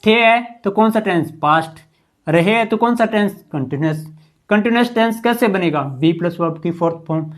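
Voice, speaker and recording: A man's voice: sits high, normal speed. A man teaching English grammar in a classroom-style lesson, patiently quizzing his listeners with rhetorical questions. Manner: patient, keeps asking the class rhetorical questions and saying "ठीक है".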